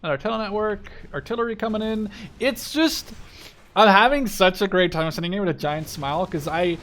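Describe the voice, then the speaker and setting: His voice sits high and fairly bright, and he talks fairly quickly: a Canadian-based Dutch gaming host in his twenties. He swears heavily while rambling with casual enthusiasm over clearly audible war strategy game noise.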